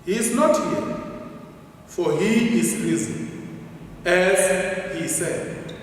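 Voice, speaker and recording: Give me a man reading the gospel at a church service, slow, measured and solemn, with a few phrases chanted, with cathedral echo. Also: high-pitched. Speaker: priest or deacon. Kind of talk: proclaiming a liturgical gospel reading. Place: large church. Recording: echoey church, distant mic, long reverb.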